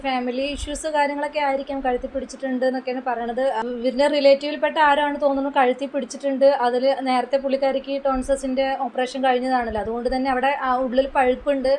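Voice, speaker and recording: A woman commenting on another person's video, explaining in a steady way. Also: sits high, rapid-fire, a little hiss or hum, low-quality recording. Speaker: YouTube commentator.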